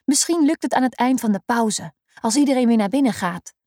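A woman's voice: on the high side, a little fast, warm tone, dry recording, clean studio sound, natural voice. A woman voicing a shy young schoolboy. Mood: fretting.

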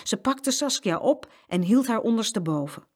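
A woman reading a children's story aloud with a very lively, animated melody. She gives the sound effects an expressive, playful reading. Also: fairly high pitch, moderate pace.

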